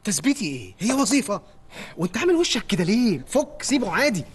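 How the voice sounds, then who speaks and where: Flustered young Egyptian guy, exasperated and bossy, very rapid, lively pitch. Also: a little hiss or hum. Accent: Egyptian Arabic. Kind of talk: film comedy acting.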